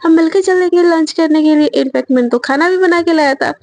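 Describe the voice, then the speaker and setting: A woman voicing an adoring young woman junior in a storybook reading, sweet and flattering. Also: extremely high pitch, a little fast. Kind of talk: storybook narration with voiced parts.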